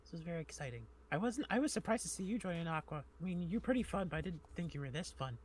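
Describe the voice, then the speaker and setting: A woman's voice: lowish voice, expressive, quick pace, background noise, lightly acted. A woman playing a cheerful, chatty demon student who rambles casually with plenty of fillers.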